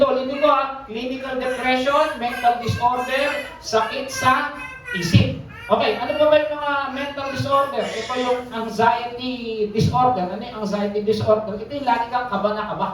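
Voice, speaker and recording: A preacher from the Philippines giving a Sunday sermon. The preacher reads verses aloud, explains them, and often checks in with the congregation. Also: medium pitch. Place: church service hall. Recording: echoey hall, distant mic, faint noise.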